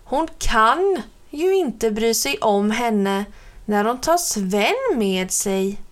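A woman gently reading a children's book aloud. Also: fairly high pitch. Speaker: narrator.

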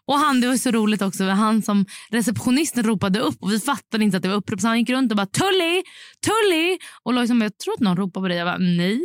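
A woman's voice: mid-range voice, hardly any pauses, no echo, studio quality. Chatty young woman telling stories. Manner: chatty storyteller who jumps into quoted dialogue. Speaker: podcast co-host. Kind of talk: casual chat.

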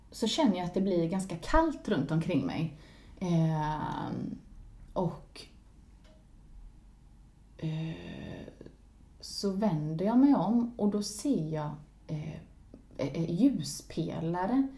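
A woman in casual spoken storytelling who laughs often and swings into lively exclamations. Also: medium pitch. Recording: roomy echo.

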